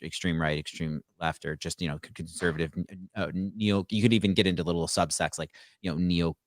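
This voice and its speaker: A man's voice: low voice, a bit bright, no room sound, clean studio sound. A man in casual conversation, rambling with many restarts and stammers. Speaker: podcast co-host. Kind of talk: casual chat.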